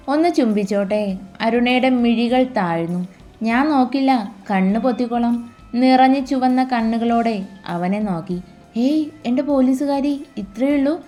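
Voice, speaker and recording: A woman reading a romantic family story aloud, voicing every character in the same soft, even way. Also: a little high. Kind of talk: scripted romance narration with character dialogue.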